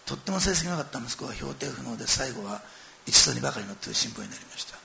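Middle-aged man, sermon, gravelly and fast, animated storyteller who speaks directly to the congregation. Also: medium pitch, a little hiss or hum. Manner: animated storytelling, acting out quoted lines and addressing listeners directly. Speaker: pastor.

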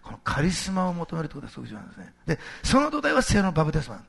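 A middle-aged male pastor giving a sermon in a conversational, animated way, posing rhetorical questions to the congregation. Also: fairly high pitch, racing, vocal fry, husky.

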